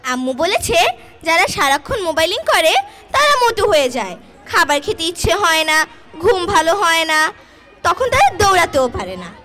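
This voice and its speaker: A woman's voice: very high-pitched, big pitch swings, a little fast. A woman voicing a well-behaved, sensible child puppet who earnestly explains and gives advice in a children's show. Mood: advising. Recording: very noisy puppet show recording.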